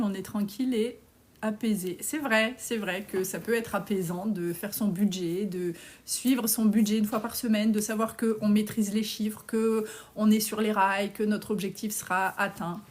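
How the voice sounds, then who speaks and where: A woman's voice: medium pitch, steady tone, a little slow, a little mellow. A woman, coaching on personal finance as she answers viewer comments on a live stream in a blunt, outspoken, casual way. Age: 40s.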